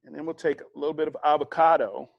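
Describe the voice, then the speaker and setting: Guy teaching a cooking class, slightly high voice, chatty and easygoing. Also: fast talker, gravelly, no echo, lo-fi sound. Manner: chatty, relaxed, with fillers and asides. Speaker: cooking instructor. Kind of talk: casual cooking demonstration.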